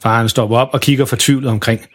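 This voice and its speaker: Husky man telling a children's story. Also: mid-range voice. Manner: lively, expressive narration. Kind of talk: scripted children's story narration.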